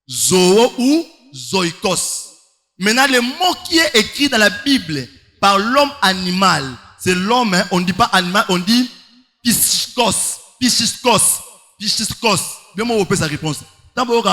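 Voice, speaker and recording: Preaching with a forceful, bright, high-pitched voice, a man drives his sermon home with rhetorical questions and drawn-out, sing-song passages. The sound carries a long hall reverb.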